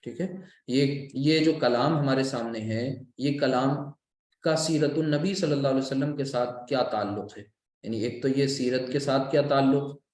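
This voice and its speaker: A man's voice: mid-range voice, fairly even intonation, normal speed, darkish tone, roomy sound. A man giving a religious lecture, explaining patiently and repeating key terms as a teacher. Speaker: Islamic course lecturer. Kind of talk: religious lecture on Quran recitation.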